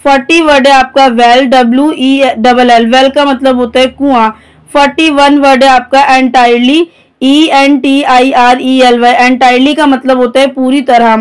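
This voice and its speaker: A woman's voice: high voice, fairly even intonation, measured pace, clean tone. A woman teaching English vocabulary, spelling each word letter by letter and then explaining its meaning. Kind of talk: vocabulary lesson, spelling out words.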